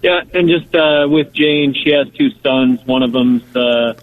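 A man's voice: mid-range voice, unhurried, no echo. Man, first-time radio caller, hesitant, lots of fillers, tinny phone line, dry. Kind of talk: call-in radio prayer request.

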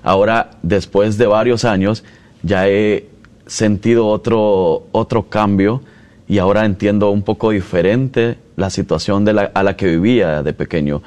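A man's voice: fairly low pitch, measured pace, darkish tone, clear, resonant tone. A man in his thirties with a Salvadoran accent, telling his story as a radio announcer and interview guest, rambling with restarts. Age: 30s. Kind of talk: conversational interview.

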